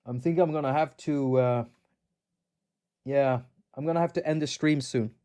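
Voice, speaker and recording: His voice is a little high, warm and clean, at normal speed. A Swedish man hosting a casual stream, he chats and rambles about games, reading viewer messages and often laughing.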